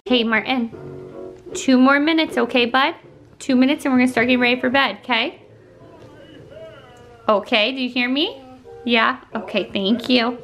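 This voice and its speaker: A woman's voice: sits high, steady tone, moderate pace, pauses often, fairly bright tone, faint music behind. A woman filming a casual home vlog, talking chattily to the camera and coaxing her toddler in a sing-song way. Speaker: mom vlogger.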